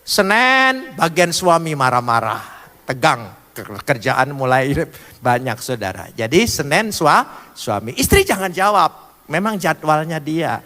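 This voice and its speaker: A man preaching a humorous sermon, spelling out acronyms and swinging from loud calls to soft asides. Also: a little high, sing-song, a little slow. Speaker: pastor. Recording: long hall reverb.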